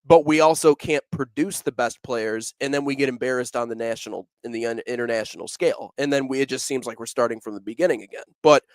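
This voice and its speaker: A man's voice: mid-range voice, fast, few pauses, no room sound. A man hosting a sports podcast in casual talk, rambling a little as he reads listener comments. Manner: conversational, many fillers and restarts, reads out comments. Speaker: podcast host.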